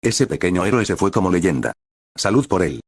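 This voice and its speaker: A man reading a volatile, crude middle-aged criminal with a raspy voice. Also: low-pitched, very animated, a little fast, exaggerated voice. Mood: somber.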